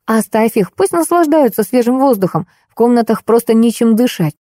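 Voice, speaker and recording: A woman reading the lines of a lively, cheeky teenage girl in an audiobook, in a brisk, arguing way, with a mellow voice. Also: a little high, no echo, studio quality, pitched above the performer's own voice, natural voice. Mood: matter-of-fact.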